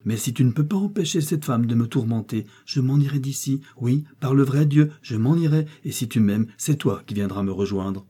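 A man's voice: mid-range voice, lively intonation, normal speed, hardly any pauses, warm tone, husky, voice pushed up. A man reading the part of a young miller's wife who defies her cruel mother-in-law, speaking with heated, trembling defiance. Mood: impassioned.

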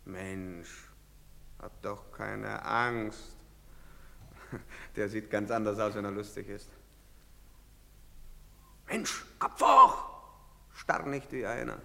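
An actor playing a brutal soldier who shouts curt orders and mocks people in an old German radio play. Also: male voice, fairly low pitch, animated, extremely slow, vocal fry, long pauses, in a large hall, heavily acted. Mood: mocking. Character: brutal barking man, soldier rounding up townsfolk.

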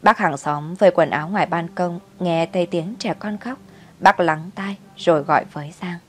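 A woman narrating a family story in a steady, brisk storytelling manner. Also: fairly low pitch.

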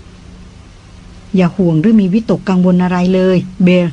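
A reader voicing a gentle, soft-spoken man in an audiobook, whose voice is soft and tender. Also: sits high, fairly even intonation, slow pace, highs cut off. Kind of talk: audiobook dialogue.

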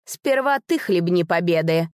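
A woman's voice: on the low side, lively intonation, unhurried, clear, resonant tone, no echo, studio quality. A woman voicing a hot-tempered young woman disguised as a young man, speaking with impulsive defiance. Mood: defiant shout.

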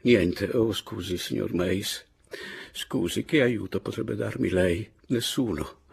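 Una donna matura e sola che si lamenta piangendo, con rancore, resa da un lettore maschile. Timbro rauco e ruvido, alzato verso l'acuto, in tono di racconto letto ad alta voce. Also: male voice, deep voice, a little slow, slightly rough, exaggerated voice. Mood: tearful. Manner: pleading, sobbing, lamenting. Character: aging spinster woman, tearful and bitter.

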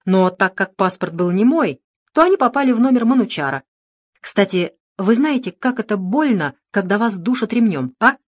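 A woman's voice: medium pitch, animated, normal speed, voice pushed up, lightly acted. A woman reading a cool, mocking male detective. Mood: sarcastic. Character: calm, sarcastic middle-aged male detective. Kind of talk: audiobook character reading.

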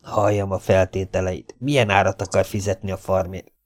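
A man's voice: sits low, little pitch movement, dry recording, clean studio sound, close to an everyday voice. A man reading as a desperate old farmer. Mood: agitated. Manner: trembling, agitated delivery. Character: desperate old male farmer, shaken and pleading. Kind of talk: audiobook character voice.

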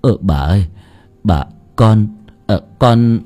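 A man voicing a timid male servant who stammers in hushed tones. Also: on the low side, animated, slow pace. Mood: frightened.

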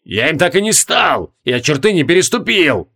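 A man's voice: a little high, very animated, moderate pace, gravelly, bright, forceful tone, slightly rough, full character voice. A man reading an audiobook voices a proud, touchy archmage who roars and whines when offended. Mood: indignant. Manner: roaring, then whining. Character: proud touchy old archmage, easily enraged.

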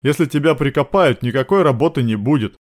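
A man voicing an older male guard boss, calm, flat and matter-of-fact. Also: medium pitch, a little fast, natural voice.

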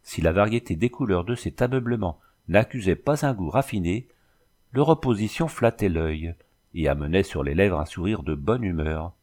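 Low-voiced man reading a novel. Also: animated, moderate pace, darkish tone. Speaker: audiobook reader. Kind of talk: scripted narration of a novel.

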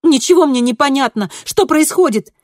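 A woman's voice: lively intonation, very slow, a bit bright, no echo, clean studio sound, full character voice. A woman voicing a panicked teenage girl. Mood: pleading, shouting. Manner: shrill, desperate cries.

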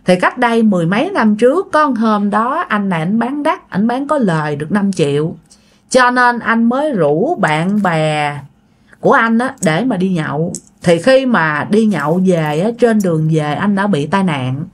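A woman's voice: mid-range voice, animated, normal speed. A woman with a Southern Vietnamese accent telling a ghost story in a casual, chatty way, often speaking straight to her listeners. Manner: chatty, addresses listeners directly.

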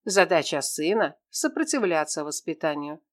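A woman narrating a fantasy novel in an even, measured reading voice. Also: deep voice. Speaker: audiobook narrator. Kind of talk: scripted storybook narration.

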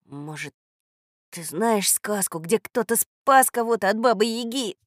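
A woman's voice: a little high, no room sound, studio quality, close to an everyday voice. A woman doing a timid boy, whispered role-play. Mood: anxious. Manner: whispered, hushed and slow.

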